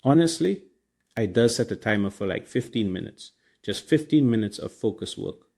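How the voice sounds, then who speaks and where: A man's voice: medium pitch, animated, moderate pace, vocal fry, a little mellow. A man with a Trinidadian accent hosting a casual motivational podcast, talking in colloquial Caribbean slang. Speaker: podcast host.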